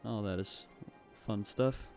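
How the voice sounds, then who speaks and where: Speaking slowly in a gravelly, darkish, lowish voice, a young Southeastern U.S. man with a light Southern accent rambles casually over his gameplay. The gaming YouTuber's talk is chatty and sprinkled with fillers and asides. Faint music can be heard in the background.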